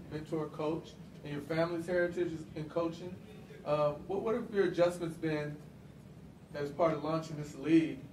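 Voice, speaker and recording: A man's voice: fairly high pitch, darkish tone, slight background noise. A male reporter asking the coach a long, wordy question at a press conference. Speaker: radio reporter. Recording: echoey room, far from the mic.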